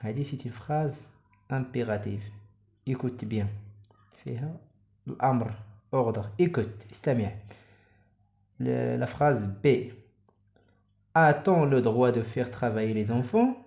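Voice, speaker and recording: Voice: mid-range voice, unhurried, creaky, long pauses, darkish tone. A teacher with a Moroccan accent giving a primary school French lesson, reading example sentences aloud and explaining them in Darija. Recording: echoey room.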